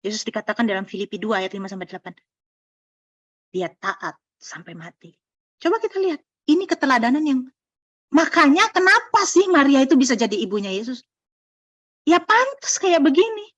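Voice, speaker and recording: High-voiced woman pastor preaching. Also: fairly quick, long pauses, no echo, lo-fi sound. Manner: animated, conversational preaching with rhetorical questions. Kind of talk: sermon.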